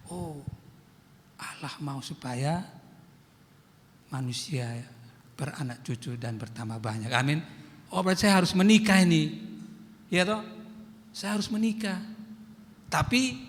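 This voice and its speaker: A middle-aged male pastor, telling his testimony in a sermon, swinging between loud and soft. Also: on the high side, measured pace, pauses often, slight background noise. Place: church hall. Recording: church hall with long reverb.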